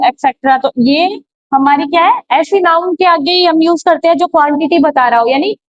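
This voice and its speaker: A woman's voice: high voice, no echo. A woman teaching grammar in a classroom lecture, explaining step by step and posing rhetorical questions. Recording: dull, slightly lo-fi, dry sound.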